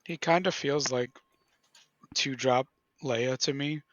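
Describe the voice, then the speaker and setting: Deadpan-joking man on a dull lo-fi mic. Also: mid-range voice, takes it slowly, no room sound. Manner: dry joking, brief remarks. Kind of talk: casual gaming chat.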